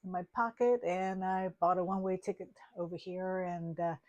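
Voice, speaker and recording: A woman's voice: lowish voice, normal speed, a little mellow, highs cut off. A woman in her fifties, raised in Denmark, co-hosting a podcast in casual, reflective chat and laughing often. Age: 50s. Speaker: podcast co-host, therapist.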